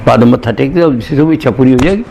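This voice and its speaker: A man's voice: mid-range voice, rapid-fire, vocal fry, mellow, slight background noise. A man from India giving a morning satsang sermon as a spiritual teacher. He talks in a conversational way, speaks to his listeners directly and mixes in recited verses.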